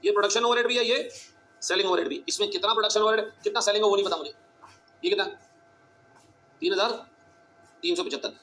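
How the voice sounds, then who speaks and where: A male teacher giving a classroom lecture, talking fast and urgently, repeating phrases and quizzing his students. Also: high-pitched, pushed and bright, a little hiss or hum.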